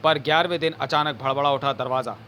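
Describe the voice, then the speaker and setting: A man's voice: medium pitch, fairly even intonation, fast, bright, forceful tone, a little hiss or hum. A man narrating a horror comic in a theatrical, suspenseful storytelling style. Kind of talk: dramatic audio comic narration.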